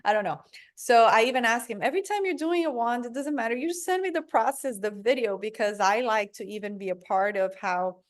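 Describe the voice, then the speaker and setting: A woman's voice: fairly high pitch, fairly quick. A woman from Brazil, a guest in a podcast interview, speaking earnestly and searching for words with many fillers. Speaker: guest, product founder. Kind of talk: conversational interview.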